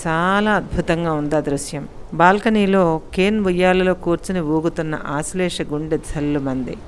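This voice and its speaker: A woman's voice: on the low side, moderate pace, slight background noise. A woman storyteller reading a romantic audiobook story aloud, voicing the characters' lines lightly as she narrates. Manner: reads all characters' lines with light voice changes. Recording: faint background music.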